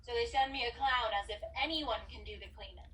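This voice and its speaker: Sarcastic Cockney maid played by a woman, high voice, recorded from a distance. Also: a little fast, sharp tone, slight background noise. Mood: grumbling. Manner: scolding, sarcastic. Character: grumbling female Cockney palace maid. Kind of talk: stage play acting.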